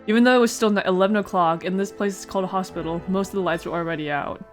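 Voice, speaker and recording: A woman with a mid-range voice talks very fast as she hosts a casual let's play, reading a visual novel aloud. There's music in the background, and she mixes in playful asides and word stumbles.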